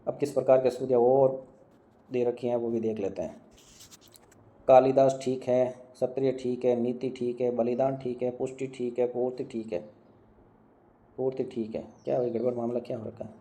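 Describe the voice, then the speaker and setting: Man with dark flat voice drilling words. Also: mid-range voice. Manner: drilling students with quick questions and answers, repeating words. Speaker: Hindi grammar teacher. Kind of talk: online exam-prep lesson.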